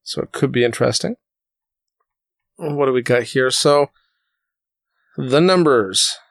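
A man's voice: mid-range voice, unhurried, creaky, no room sound. Man hosting a rambling podcast chat. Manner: rambling with fillers and restarts. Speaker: podcast host.

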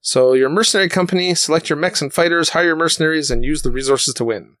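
A man's voice: on the high side, fast, fairly bright tone, no echo. A man hosting a casual podcast, talking in a rambling way with fillers and restarts. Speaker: podcast host.

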